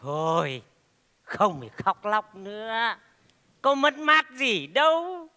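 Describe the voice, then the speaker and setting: A smug, scheming rich husband who talks slowly and dismissively. His voice is bright and lively in pitch, with a long stage reverb. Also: clean tone, heavily acted. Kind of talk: stage comedy sketch acting.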